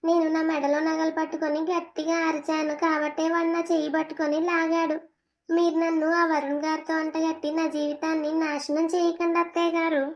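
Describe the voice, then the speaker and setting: Pallavi is a frightened young wife in a cartoon family drama, voiced by a woman. She begs tearfully in a very high, thin voice, and the delivery stays flat and monotone. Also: brisk. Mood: pleading. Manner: tearful pleading.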